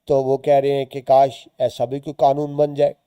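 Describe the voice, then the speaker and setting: A man's voice: medium pitch, completely flat delivery, normal speed, dark tone, smooth, no room sound. A man, teaching students by reading a short story aloud and explaining its words and lines as he goes.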